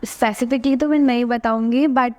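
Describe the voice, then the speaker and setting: A woman's voice: a little high, steady tone, unhurried, darkish tone. A young woman in her early twenties, a model and influencer, chatting confidently as a podcast guest and mixing English into her talk. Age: 20s. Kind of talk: casual interview chat.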